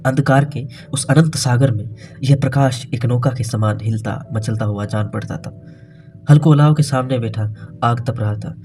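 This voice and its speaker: A man reading a classic literary story aloud in measured, scripted narration. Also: medium pitch, darkish tone.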